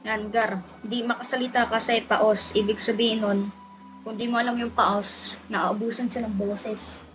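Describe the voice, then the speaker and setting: A woman's voice: a little high, fairly even intonation, normal speed, background noise. A woman casually commenting on her game, playfully teasing and calling out to her fellow players. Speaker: gameplay video host. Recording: dull lo-fi sound with music behind. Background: background music.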